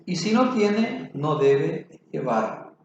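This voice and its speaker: A man's voice: fairly high pitch, big pitch swings, a little mellow, a little hiss or hum. Guy teaching a grammar lesson, spells out each example, super echoey room, kinda muffled recording. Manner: slow, deliberate, spelling out examples.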